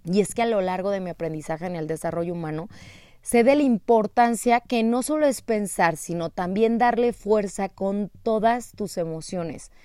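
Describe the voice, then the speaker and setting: A woman telling a personal story in an expressive, animated way. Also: medium pitch, moderate pace, clear, resonant tone, no room sound, studio quality.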